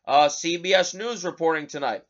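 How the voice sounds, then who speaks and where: Man, talk host, political monologue, sarcastic, high-pitched, muffled lo-fi sound. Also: normal speed, a bit bright. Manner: indignant, sarcastic, repeats and restarts words.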